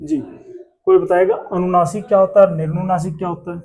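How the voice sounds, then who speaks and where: A man with a high-pitched, darkish-toned voice teaches a classroom lesson briskly, his intonation fairly even. He poses questions and then repeats the answers himself.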